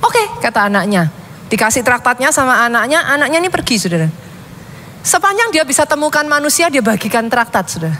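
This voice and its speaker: A woman's voice: on the high side, big pitch swings, quick pace, pushed and bright, a little hiss or hum. A woman pastor preaching, telling a story dramatically and often addressing her listeners directly. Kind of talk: sermon storytelling.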